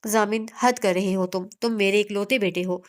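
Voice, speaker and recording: A woman's voice: medium pitch, steady tone, moderate pace, close to an everyday voice. A woman reading the lines of an angry mother who dotes on her grown son. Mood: scolding. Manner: scolding and loud.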